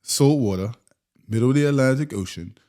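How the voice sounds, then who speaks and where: A man's voice: mid-range voice, fairly quick, dark tone. A middle-aged man from Bermuda, co-hosting a podcast with playful, teasing banter. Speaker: podcast co-host. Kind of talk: casual chat.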